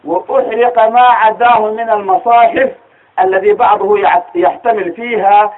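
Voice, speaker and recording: Husky high-voiced Sudanese man lecturing. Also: steady tone, moderate pace. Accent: Sudanese Arabic. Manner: explanatory, asks rhetorical questions to the class. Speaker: teacher of Quranic studies. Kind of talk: religious lecture. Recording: tinny phone-like recording.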